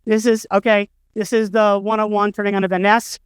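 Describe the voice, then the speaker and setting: A middle-aged conference speaker gives a storytelling keynote indoors, his stories marked by wry humor at his own expense. He talks a little fast in a high voice with little pitch movement, the tone clean and free of room sound.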